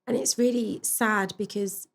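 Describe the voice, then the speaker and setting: A woman in a podcast interview, frankly and reflectively telling her personal story, with pauses and fillers. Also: mid-range voice, steady tone. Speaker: podcast guest.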